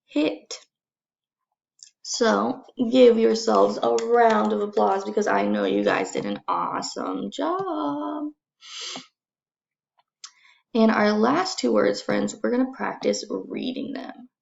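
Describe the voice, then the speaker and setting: A woman's voice: mid-range voice, gravelly, a little mellow, muffled recording. A woman teaching phonics to young children as an encouraging kindergarten teacher, using simple repeated phrases and sounding things out distinctly. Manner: sounds out letters and words slowly and distinctly.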